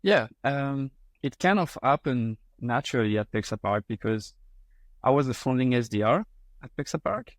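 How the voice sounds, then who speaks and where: Being interviewed on a podcast, a French-accented man in his thirties from France speaks expressively in a mid-range voice at normal speed. He's hesitant, with plenty of fillers and restarts, and no echo.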